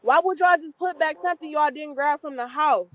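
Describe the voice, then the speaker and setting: A woman with a very high voice talks sternly through a doorbell speaker, scolding and cursing. The sound is dry, dull and lo-fi. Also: fairly quick, no echo. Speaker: homeowner confronting people through doorbell camera.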